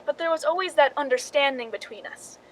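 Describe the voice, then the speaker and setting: This radio drama features an actress, lightly acted, as a wry, cool young film stand-in and scheming narrator, confiding her story in an understated, knowing tone. She speaks a little fast in a high voice. The low-quality recording carries slight background noise.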